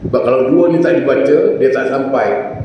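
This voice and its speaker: A man's voice: medium pitch, fairly quick, dull audio. A man in giving a casual mosque sermon, moving between talk and acted-out prayers. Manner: conversational, acts out everyday speakers and prayers. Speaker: preacher. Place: mosque hall. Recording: echoey hall, far from mic, noisy.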